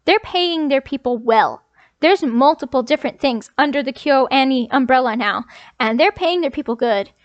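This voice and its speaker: A woman's voice: high-pitched, expressive, moderate pace, dry recording, highs cut off. A young adult woman vlogger ranting casually, repeating her points for emphasis. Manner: emphatic, repeats phrases for effect. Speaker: anime commentary vlogger. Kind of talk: casual rant.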